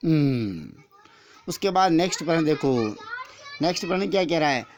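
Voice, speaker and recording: A man's voice: on the high side, lively intonation, moderate pace, slight background noise. A man teaching an exam-prep grammar lesson, explaining step by step and repeating each answer after asking the question himself.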